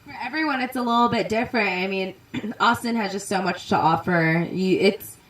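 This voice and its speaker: A woman's voice: mid-range voice, brisk, a bit bright, echoey room, distant mic, low-quality recording. A woman interviewing a musician in upbeat, giggly casual chat, full of "like" and "you know". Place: inside a parked trailer.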